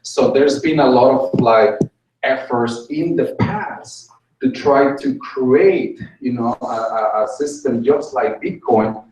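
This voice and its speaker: A man's voice: mid-range voice, slow, a little mellow. A middle-aged man giving an informal course lecture, peppering his sentences with "like" and "you know". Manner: says "like" and "you know" a lot. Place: indoor venue room with small stage. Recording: roomy echo, distant camera pickup.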